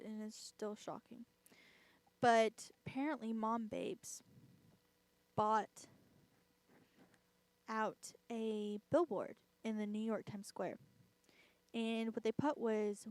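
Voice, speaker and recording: A woman vlogger in casual chat who rambles and laughs at herself. She speaks slowly, a little high in pitch. The sound is close and dry. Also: darkish tone, no echo. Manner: rambling and chatty, lots of "I mean" and self-mocking laughs. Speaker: vlogger and host.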